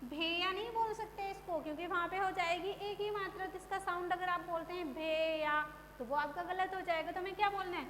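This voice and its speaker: Woman teacher, high voice, unhurried lesson pace with long reverb around her. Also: steady tone, a bit bright. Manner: slow drawn-out drilling of words, then brisk explanation. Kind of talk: Hindi phonics lesson for children. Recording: echoey room, faint hum.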